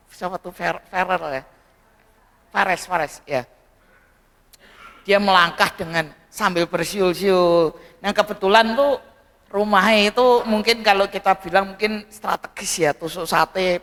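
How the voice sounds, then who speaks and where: Animated preacher in a reverberant hall. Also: male voice, high voice. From Indonesia. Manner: animated, acts out characters, rises to shouting climaxes. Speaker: pastor. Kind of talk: sermon with storytelling. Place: large church hall. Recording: long church hall reverb.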